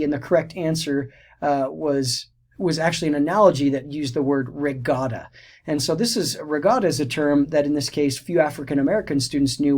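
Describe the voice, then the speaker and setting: A man's voice: on the high side, darkish tone. A man narrating a recorded teacher-training lecture, explaining steadily with frequent restarts and fillers. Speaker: teacher educator.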